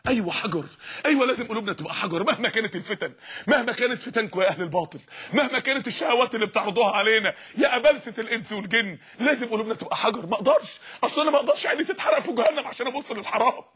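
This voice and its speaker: A man with an Egyptian Arabic accent preaching an impassioned sermon, often shouting. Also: extremely high pitch, expressive, rapid-fire, slightly rough.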